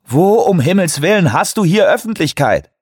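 A man's voice: high-pitched, big pitch swings, normal speed, a little mellow, slightly rough, dry recording, clean studio sound, voice pushed up, exaggerated voice. A man voicing an exasperated male whale researcher who talks urgently and holds his anger back. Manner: urgent, pleading, irritated.

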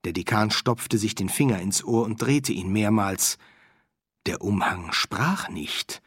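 A man narrating a fantasy audiobook with expressive storytelling. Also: fairly low pitch, slow pace, slightly rough, no room sound, clean studio sound. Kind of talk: scripted narration.

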